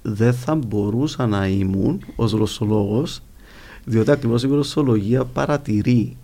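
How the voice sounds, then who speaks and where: A man's voice: mid-range voice, warm tone. A man with a Cypriot Greek accent talking conversationally as a guest linguist in an interview, explaining things with examples. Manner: explanatory, illustrates points with examples.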